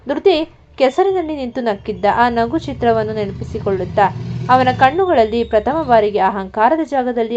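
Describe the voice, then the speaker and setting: High-voiced woman storyteller. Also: darkish tone. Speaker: story narrator. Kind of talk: scripted narration. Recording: muffled lo-fi recording.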